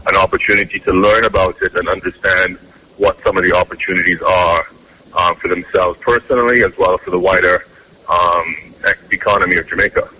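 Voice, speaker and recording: A man from Trinidad calling in to a radio show, speaking in a measured, hedging way with many fillers. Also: low voice, steady tone, sharp tone, slight background noise, poor audio. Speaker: caller, conference organizer. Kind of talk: phone-in interview. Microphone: telephone.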